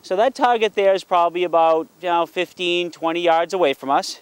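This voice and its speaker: This hunting and fishing show host is a middle-aged dad with a high-pitched, brisk, clean voice. He explains things to his family and the camera in a casual, folksy, encouraging barbecue-dad style.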